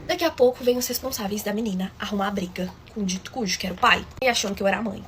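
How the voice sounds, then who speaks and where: A woman's voice: medium pitch, racing, a bit bright, slight background noise. A woman telling a story in a chatty, dramatic way, often calling out to her listeners. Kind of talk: casual storytime.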